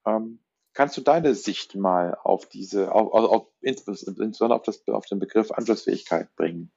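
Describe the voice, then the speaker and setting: Husky low-voiced man, muffled recording. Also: moderate pace, a little mellow. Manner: affirming, asks questions and sums up. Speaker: podcast host. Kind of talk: conversational interview. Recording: dull lo-fi sound.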